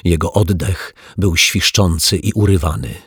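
A man calmly narrating a children's story as an audiobook reader on a close mic. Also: deep voice, measured pace, breathy edge, no echo.

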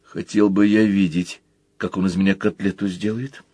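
A man narrating a story as an audiobook, animated and switching between character voices. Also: deep voice, moderate pace, husky, dry recording. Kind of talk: audiobook reading.

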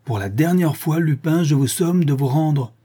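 A man doing a shouting police sergeant. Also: on the high side, normal speed, slightly rough, pitched above the performer's own voice. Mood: commanding. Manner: shouting orders, urgent. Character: urgent, insistent police sergeant, adult man.

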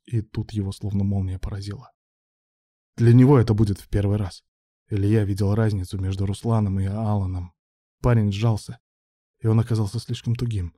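A man narrating a story in an even, measured reading. His voice sits low and has a very dark, mellow tone. The recording is dry and close. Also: no echo. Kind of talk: audiobook narration.

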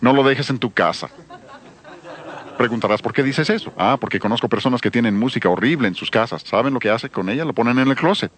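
A man's voice: mid-range voice, fast. A man giving an emphatic sermon-style seminar talk on church music, addressing listeners with rhetorical questions.

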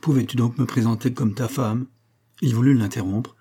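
A man reading aloud voices a young woman who speaks softly but firmly, with pained resolve. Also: mid-range voice, fairly even intonation, moderate pace, breathy edge, close to an everyday voice. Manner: soft yet firm, pained.

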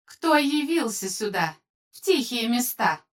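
A woman voicing a stern, imperious unseen voice in a storybook reading, slow and measured. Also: on the high side, sing-song, recorded from a distance, pitched above the performer's own voice.

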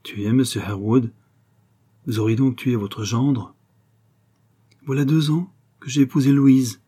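A man reading the part of a composed young gentleman who speaks frankly and tries to make peace. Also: medium pitch, fairly even intonation, measured pace, slightly rough, voice pushed up. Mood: pleading. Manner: frank and conciliatory.

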